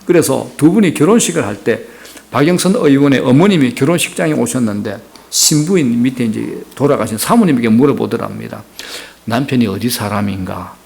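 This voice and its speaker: Gravelly-voiced man preaching a sermon. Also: mid-range voice, lively intonation, a little fast, darkish tone. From Gyeongsang region, Korea. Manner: earnest preaching, addresses the congregation directly. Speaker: senior pastor.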